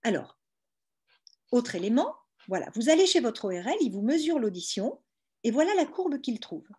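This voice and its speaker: A woman with a fairly high, husky voice teaches a lesson over a video call. She explains things patiently and step by step, dropping in little "hein" asides as she goes. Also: big pitch swings, normal speed, dark tone. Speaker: lecturer on hearing. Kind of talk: explanatory online lecture.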